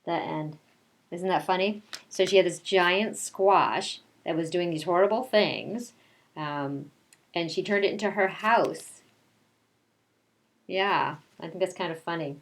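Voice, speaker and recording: Speaking at a measured pace in a lowish voice, a kindergarten teacher holds story time for little kids. She reads a picture book aloud and talks to them directly in a casual, conversational way.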